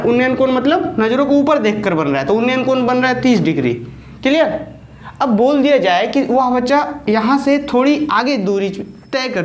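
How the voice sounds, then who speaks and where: A woman's voice: on the high side, slight background noise. A woman maths teacher with a Jharkhand Hindi accent giving an online lecture. She explains step by step and keeps checking that students follow.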